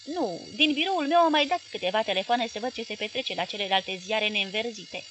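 A woman's voice: medium pitch, slight background noise, lightly acted. A woman reading as an indignant newspaper boss. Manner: sharp, exasperated questioning. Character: indignant middle-aged male newspaper owner.

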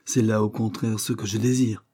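A man's voice: lowish voice, flat delivery, moderate pace, dark tone, close to an everyday voice. A man voicing a cold, haughty young woman in an audiobook, speaking curtly and with icy superiority.

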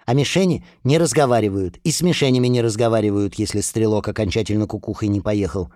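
A man voicing an assertive, level-headed young woman who lays out plans in a brisk, insistent way. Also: lowish voice, warm tone, dry recording, studio quality, natural voice.

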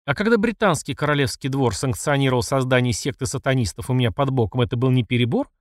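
A man's voice: medium pitch, fast talker, no room sound, studio quality, natural voice. A man voicing a furious middle-aged emperor who scolds and accuses his mother. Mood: angry. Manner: angry and accusing.

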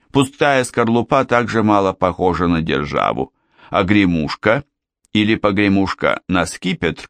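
Slow gravelly male narrator. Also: deep voice, a bit bright, dry recording. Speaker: audiobook narrator. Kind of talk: literary audiobook narration.

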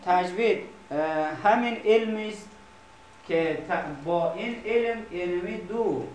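A man teaching Quran recitation, dictating slowly and repeating each phrase for students to copy. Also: high voice, darkish tone, recorded from a distance, slight background noise. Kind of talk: dictating a lesson. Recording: echoey room with class chatter.

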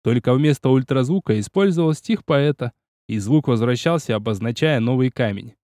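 A man narrating an audiobook in first person, energetic and often shouting through the action. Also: medium pitch, moderate pace, no echo, studio quality.

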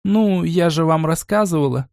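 A man's voice: fairly high pitch, moderate pace, gravelly, a little mellow, dry recording, clean studio sound, pitched above the performer's own voice. A man reading an audiobook and voicing a motherly middle-aged former governess who is strict with her daughters. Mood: affectionate.

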